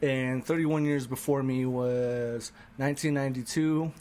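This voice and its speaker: A man's voice: mid-range voice, steady tone, unhurried, a little mellow. A tipsy man co-hosting a casual podcast chat, rambling and chuckling as he talks and swearing freely. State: tipsy from drinking. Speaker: podcast co-host; musician.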